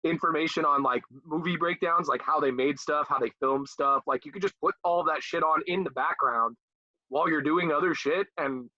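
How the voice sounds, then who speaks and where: Guy on a zoom podcast, rambly and chill, kinda muffled dull audio, bright tense voice. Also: on the high side, moderate pace, dry recording. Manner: rambling, laid-back, swears casually. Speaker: podcast co-host. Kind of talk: casual chat. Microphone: video call.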